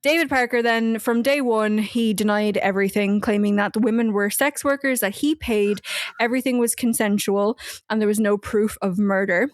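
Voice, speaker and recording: A woman's voice: medium pitch, fairly even intonation, normal speed, dry recording, clean studio sound. A woman hosting a casual true-crime podcast, recounting the case in a chatty, blunt way with fillers. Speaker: podcast host.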